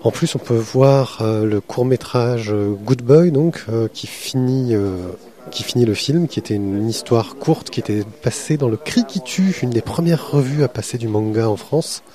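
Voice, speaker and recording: Here the podcast host has a medium-pitched, darker voice and talks at a moderate pace. After interviewing a comic artist at a festival, he chats about how his day there went, using many fillers.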